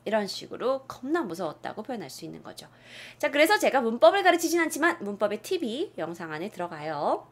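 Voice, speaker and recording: Animated woman teaching in a video lesson. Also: quick pace, few pauses. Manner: lively, acts out example lines with big pitch jumps; drops to a whisper for asides. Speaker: English teacher.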